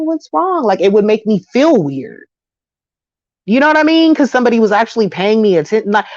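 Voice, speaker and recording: A woman's voice: medium pitch, dry recording, lo-fi sound. Blunt, slangy woman in her thirties. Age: 30s. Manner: animated, blunt, slangy, jumps into mocking voices. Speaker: vlogger. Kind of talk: casual opinion monologue to camera.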